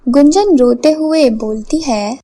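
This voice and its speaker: High-voiced woman narrating a cartoon story. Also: takes it slowly, dark tone.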